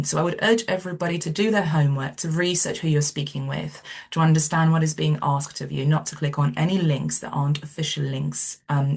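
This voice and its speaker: A middle-aged woman from Romania gives a recruiting webinar talk over a video call. Her voice sits low, and she pauses often with ums as she goes. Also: a little mellow. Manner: hesitant, many ums. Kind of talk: webinar presentation.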